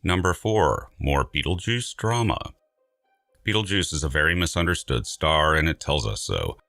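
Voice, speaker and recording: Man, scripted science narration, extremely low pitch, bright forceful tone, emphatic delivery, music behind. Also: expressive, normal speed, creaky, dry recording, clean studio sound.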